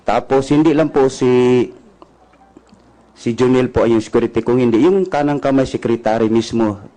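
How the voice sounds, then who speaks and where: A man testifying as a witness at a hearing, answering deferentially and politely, halting and restarting often. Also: mid-range voice, warm tone, poor audio. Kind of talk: testimony under questioning.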